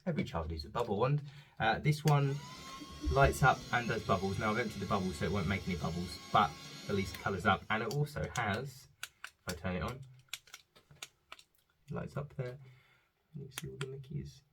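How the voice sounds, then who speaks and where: A man's voice: on the low side, animated, a little fast, pauses often, background noise. A man and father, chatting casually at home as he shows off holiday purchases, with lots of ums as he goes. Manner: chatty, rambling, frequent ums. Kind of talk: casual haul vlog.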